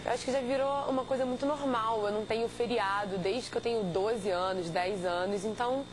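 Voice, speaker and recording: A competitive swimmer in her twenties from Rio de Janeiro, Brazil, answers interview questions earnestly as a guest, with a Carioca accent. Her voice is a little high and fairly quick, against a noisy background.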